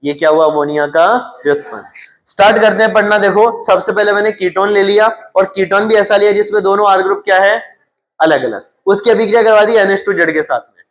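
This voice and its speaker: A man's voice: high-pitched, a little fast, fairly bright tone. A male chemistry teacher with a Hindi accent lecturing his class. He keeps asking questions and answers them himself, repeating the key terms.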